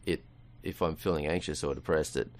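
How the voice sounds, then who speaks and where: A man's voice: rumbling low, fairly even intonation, fairly quick. A middle-aged man, a radio guest, talking in a rambling, casual way with many restarts and frequent laughs, in a studio.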